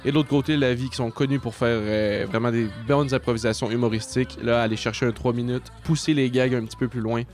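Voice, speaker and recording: A man's voice: mid-range voice, steady tone, fast talker, hardly any pauses, a little mellow. A man with a Québécois accent commentating a live improv match in a casual, filler-heavy way.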